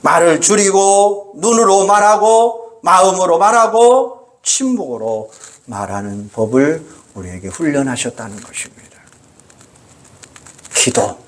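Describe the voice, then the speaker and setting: A male pastor delivering a sermon in an earnest, measured way, often quoting scripture. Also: sits high. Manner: earnest, measured preaching with frequent scripture quotes.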